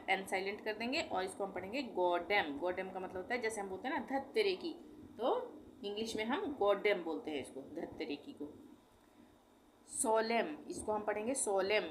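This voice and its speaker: Patient woman spelling words slowly. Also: medium pitch, a little hiss or hum. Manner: slow, patient, spells out letters one by one. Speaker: teacher. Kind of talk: spoken language lesson.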